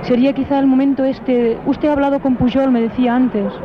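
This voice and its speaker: A woman's voice: high-pitched, level tone, a little fast, dull audio, background noise. A woman interviewing a guest outdoors at a street event, asking in long, rambling sentences, heard on an old radio recording.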